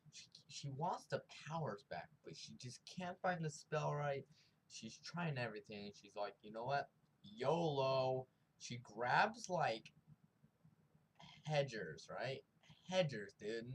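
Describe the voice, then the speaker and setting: A man's voice: mid-range voice, very animated, takes it slowly, poor audio. A young man casually recapping and reviewing a TV episode, rambling in slang and acting out the characters' lines, with faint noise behind him.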